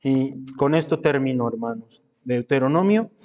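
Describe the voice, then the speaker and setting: A male pastor delivering a sermon, breaking into high mimicking voices and stretching out phrase endings. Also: lively intonation, normal speed, darkish tone, muffled recording. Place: church. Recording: reverberant church hall.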